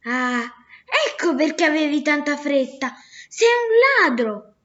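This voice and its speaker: A woman voicing a greedy, suspicious male merchant in a storybook reading, loud and accusing. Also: high-pitched, lively intonation, slow pace, muffled recording.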